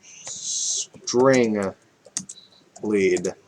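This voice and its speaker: Slow-talking man explaining music production. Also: fairly low pitch, a little hiss or hum. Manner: relaxed, thinking aloud with fillers and self-corrections. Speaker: music tutorial creator. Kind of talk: casual screen-recorded music tutorial.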